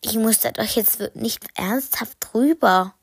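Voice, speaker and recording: A woman's voice: fairly high pitch, unhurried, vocal fry, breathy edge, dry recording, clean studio sound, heavily acted. A woman voicing a bold, bossy little female hamster in a storybook. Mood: startled.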